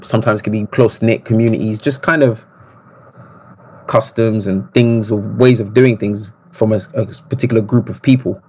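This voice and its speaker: A man, telling stories as a podcast guest in an animated, reflective way. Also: lowish voice, moderate pace, slight background noise. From Congo. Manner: reflective, animated storytelling with restarts. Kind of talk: casual interview conversation.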